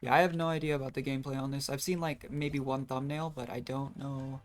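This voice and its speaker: With a level tone and a fairly quick pace, a medium-pitched streamer gives casual, self-deprecating commentary while playing a video game. Game music can be heard in the background of the livestream.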